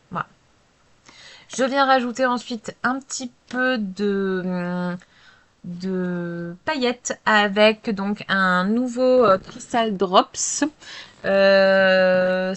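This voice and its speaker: A woman's voice: mid-range voice, dry recording. A woman narrating a crafting tutorial in a chatty way, with many hesitant fillers. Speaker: craft video creator. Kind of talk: casual crafting tutorial voice-over.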